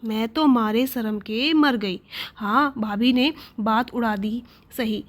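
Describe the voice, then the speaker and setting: An indignant young wife, stubborn and complaining, with a fairly high voice, as a woman reading a story aloud puts her on. She protests in quick, aggrieved bursts.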